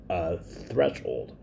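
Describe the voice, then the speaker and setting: A man's voice: rumbling low, gravelly, dark tone. A man hosting a podcast interview, speaking with a heavy stutter, repeated sounds and many fillers. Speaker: podcast host. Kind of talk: conversational interview.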